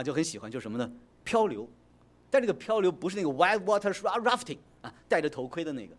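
A middle-aged male pastor telling a lively personal story in a sermon, dropping in English words and chuckling as he goes. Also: mid-range voice.

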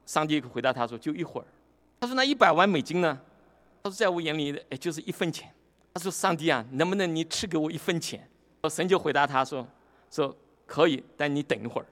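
A man with a high voice delivers a sermon, expounding scripture line by line. He reads the verses slowly and deliberately, then turns to the listeners with rhetorical questions. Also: a bit bright. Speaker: preacher.

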